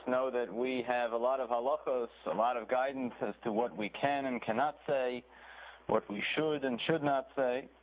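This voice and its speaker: Rabbi teaching over a tinny line. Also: male voice, mid-range voice. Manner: reads Hebrew phrases then translates, animated storytelling. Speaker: rabbi teaching a Torah class. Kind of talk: lecture with text reading and translation. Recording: tinny phone-like recording with faint noise.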